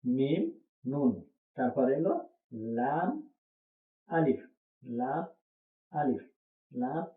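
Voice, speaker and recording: Patient man drilling letters in an echoey, tinny recording. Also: mid-range voice. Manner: repeats each letter name slowly, asks checking questions. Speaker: Quran reading teacher. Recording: echoey, tinny phone-like sound.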